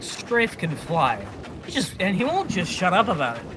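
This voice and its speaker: A man with a high-sitting voice and wildly swooping pitch reads comedic character bios at a moderate pace in a fan dramatic reading. The amateur recording is very noisy, with clicks.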